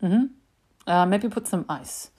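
A woman voicing a calm paramedic who hesitates with many filler sounds. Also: fairly low pitch, takes it slowly, breathy edge. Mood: offhand. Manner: hesitant, full of "uh"s.

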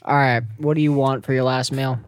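A man's voice: mid-range voice, steady tone, a little fast, smooth, no echo. Man asking questions in podcast chat. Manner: asks questions, ribs friends. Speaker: podcast co-host. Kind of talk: casual chat.

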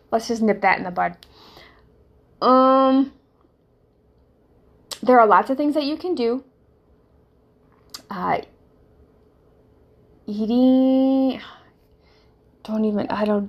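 Chatty Southern woman with gravelly voice. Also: mid-range voice, slow, pauses often, muffled recording. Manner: chatty, rambling, thinks aloud with fillers. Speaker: podcast host, fitness coach. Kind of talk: casual solo podcast talk.

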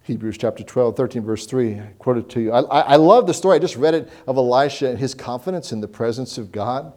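A man preaching a sermon, telling Bible stories with animated voices and reading scripture slowly. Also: mid-range voice. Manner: animated storytelling, acts out Bible characters; slows down to read scripture.

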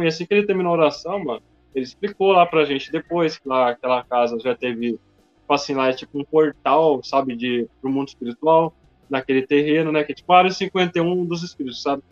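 A man from Brazil tells a story fast, his voice sitting a little high and stuffed with slang fillers. The sound is dull and lo-fi, with faint music under it. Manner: slangy, peppers speech with "mano" and "tá ligado". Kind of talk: casual chat.

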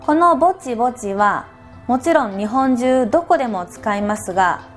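A woman teaching a language lesson in a gentle, encouraging way, acting out short example dialogues. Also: on the high side, lively intonation, normal speed, faint music behind. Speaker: Japanese teacher. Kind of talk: scripted podcast lesson.

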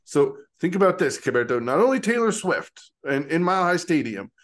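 A man in his forties co-hosting a casual sports chat, rambling, animated and laughing often. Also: fairly high pitch, brisk. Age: 40s. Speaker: podcast co-host.

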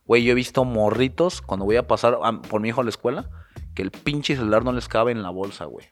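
A man in his thirties with a Mexican accent, co-hosting a podcast and telling stories in loud, profane, excitable banter. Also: mid-range voice, fast, soft background music. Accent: Mexican Spanish. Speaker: podcast co-host. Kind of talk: casual crude podcast banter.

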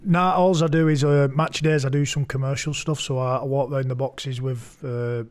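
A man's voice: medium pitch, fairly even intonation, normal speed, a little mellow. A man, a former rugby league prop chatting as a podcast guest in a jokey, self-mocking way. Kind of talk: casual chat.

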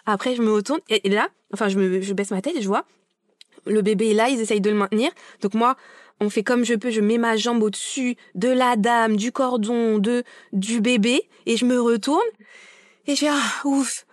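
A woman's voice: fairly high pitch, normal speed, no room sound, studio quality. A young adult woman telling her birth story casually, acting out the dialogue with emotion. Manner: animated, acts out quoted dialogue. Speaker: podcast guest.

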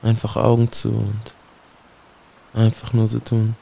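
A man's voice: on the low side, completely flat delivery, unhurried, vocal fry, mellow, slight background noise. A man performing a spoken-word poem in a solemn, brooding way, speaking directly to someone he addresses. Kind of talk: spoken-word poetry recitation.

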